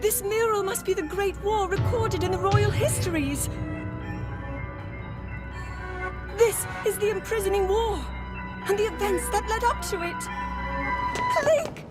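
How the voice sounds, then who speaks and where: A young princess in a game, high soft breathy voice, earnest and bookish, music in the back. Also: female voice, lively intonation, unhurried. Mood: excited. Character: young princess scholar, gentle, earnest, eagerly curious. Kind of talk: video game cutscene voice acting.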